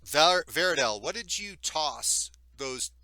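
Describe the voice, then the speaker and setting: Bright-voiced man running a tabletop game. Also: a little high, slow. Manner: relaxed, laughing, describing combat. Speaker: game master.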